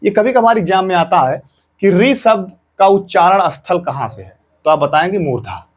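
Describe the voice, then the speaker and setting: A man's voice: sits high, expressive, normal speed. A male teacher giving an exam-prep grammar lesson, patiently saying each sound aloud and repeating points for students.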